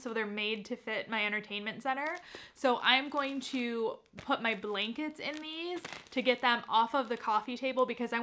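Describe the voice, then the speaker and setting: A woman in her thirties with a slightly high voice, chatting informally to camera. She walks through home decor steps one by one, in a casual vlogger style. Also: fairly bright tone. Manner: chatty, informal, explains step by step. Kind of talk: casual explanatory vlog talk to camera. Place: furnished living room at home, indoors.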